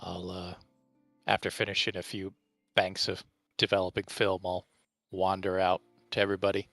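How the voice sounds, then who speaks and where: A man talks casually as a tabletop player. His voice is on the low side yet bright and forward, with faint music underneath. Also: completely flat delivery, moderate pace. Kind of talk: casual game chat.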